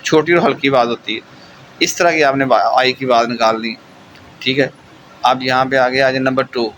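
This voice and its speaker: A man gives an online German lesson with a bright, clear tone, drawing out words slowly and pausing often to check that students follow. Faint traffic hums in the background. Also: medium pitch, rough recording. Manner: slow, drawn-out explaining with frequent "theek hai" check-ins. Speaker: German teacher.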